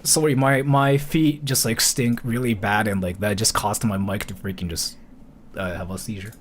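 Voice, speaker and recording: This thirtysomething streamer's voice is on the low side and steady, with a little hiss or hum on the recording. Chatting and reacting casually, he rambles, hesitates, revises his thoughts midway, and fills gaps with filler.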